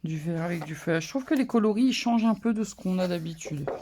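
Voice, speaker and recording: A papercraft channel host chatting casually through a haul of paper pads, relaxed and hesitant. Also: mid-range voice, fast. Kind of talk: casual haul show-and-tell.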